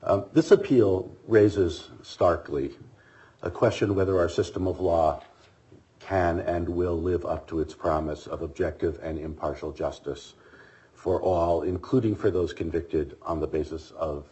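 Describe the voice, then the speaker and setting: A man arguing an appeal as defense attorney, speaking in a measured, formal way while coming down with a cold. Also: sits low, warm tone. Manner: measured, formal legal argument. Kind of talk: oral argument before a court. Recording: dull lo-fi courtroom audio.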